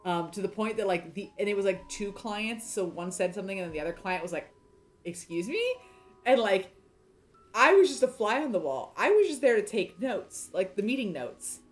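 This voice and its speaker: A woman's voice: mid-range voice, animated, brisk, soft background music. A woman in her thirties chatting casually during a game playthrough, rambling and self-deprecating, with lots of fillers and restarts. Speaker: game streamer.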